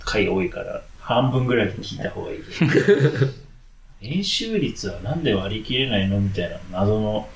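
A man's voice: on the low side, expressive, normal speed, echoey room, low-quality recording. A man co-hosting a casual podcast chat, telling trivia with a laugh. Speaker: podcast co-host.

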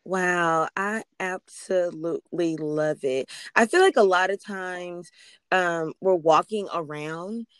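A woman hosting a faith-based podcast interview, telling her stories in an animated way. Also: fairly low pitch, takes it slowly, clear, resonant tone, dry recording. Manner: animated storyteller, acts out quotes. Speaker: podcast host.

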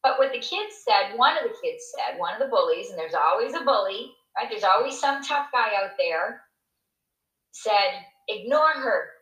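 A middle-aged woman from Canada, a motivational speaker telling a personal story in conversation, animated and often checking in with "right?". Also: moderate pace, echoey room, low-quality recording. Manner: animated, acts out quoted voices with big pitch jumps, frequent "right?".

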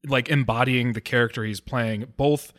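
A man with a medium-pitched voice co-hosts a recap podcast. His delivery is casual and conversational. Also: steady tone, moderate pace, fairly bright tone. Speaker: podcast co-host. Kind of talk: casual episode recap chat.

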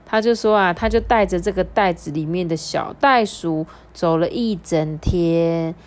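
A young woman hosting a children's story podcast. She tells the story in a playful, animated way and draws out the particles at the ends of her sentences. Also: fairly low pitch, unhurried. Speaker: storyteller host.

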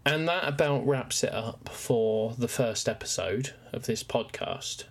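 A man's voice: medium pitch, measured pace, husky. A man with an English West Country accent talking alone as a podcast host, explaining things to listeners. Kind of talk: solo podcast talk, explanatory.

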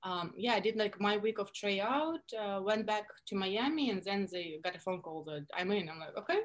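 A woman's voice: medium pitch, moderate pace. A woman in her thirties from Russia with a Russian accent, a guest telling stories in a casual interview with plenty of fillers. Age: 30s. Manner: animated storytelling with many fillers.

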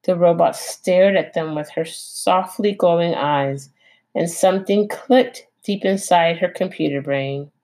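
A woman, a teacher, reading a novel aloud in a gentle, expressive way and adding her own comments. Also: lowish voice, a little slow, low-quality recording. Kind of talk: read-aloud storytelling.

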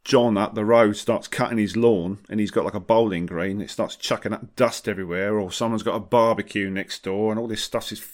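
A man's voice: lowish voice, steady tone, brisk, hardly any pauses. A man chatting casually as a podcast host, wry and jokey, using British slang. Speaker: podcast host and car detailer.

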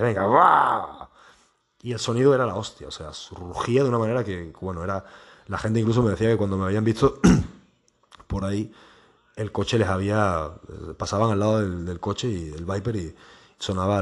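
Casual rambling man, low voice. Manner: rambling, animated, swears freely, mimics engine sounds. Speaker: podcaster telling personal stories. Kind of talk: casual storytelling monologue.

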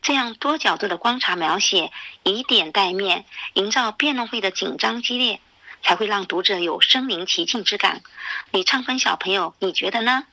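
A woman teacher giving scripted commentary in a formal, measured and instructive manner. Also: mid-range voice, pushed and bright, no echo, poor audio.

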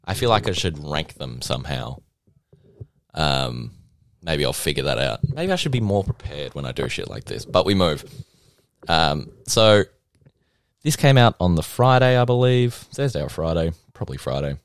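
Rambling low-voiced young man reviewing music. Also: very animated, normal speed, no echo, clean studio sound. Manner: chatty, rambling, self-deprecating, lots of ums and likes. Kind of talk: casual album review monologue.

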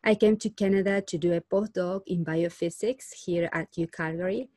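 A woman from Argentina speaks as a guest in a podcast interview. Her voice sits on the low side. She answers thoughtfully and often pauses on "uh" between phrases. The sound is dry and close. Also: steady tone, dark tone, no room sound. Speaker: learning technology specialist, guest.

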